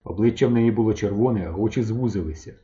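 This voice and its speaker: A man narrating an audiobook in an even storytelling manner. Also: lowish voice, quick pace, muffled recording.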